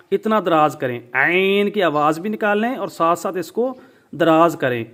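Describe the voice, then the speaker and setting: A man with a Pakistani Urdu accent teaching Quran recitation rules, explaining patiently step by step and drawing out vowels to demonstrate. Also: sits high. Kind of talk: tajweed lesson.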